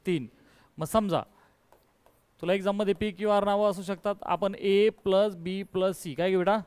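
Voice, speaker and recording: A man's voice: sits high, steady tone, moderate pace, darkish tone, clean tone, no room sound. A male math teacher giving a call-and-response lesson, coaxing and quizzing his students and mixing in English terms. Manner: coaxing, quizzes students, calls them dear.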